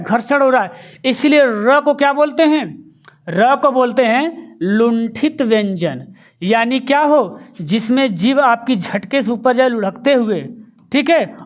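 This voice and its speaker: Woman tutor, high voice, drills sounds and answers her own questions; dull recording. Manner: asks rhetorical questions then answers them, drills sounds aloud. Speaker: teacher. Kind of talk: exam-prep grammar lesson.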